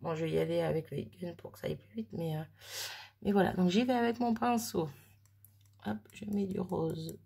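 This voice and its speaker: This crafter speaks fairly low and fairly quickly, with vocal fry, a dark tone, and a breathy edge. She narrates a casual mixed-media tutorial from her home craft room, chatty and self-deprecating, thinking out loud as she goes. An oven runs in the background.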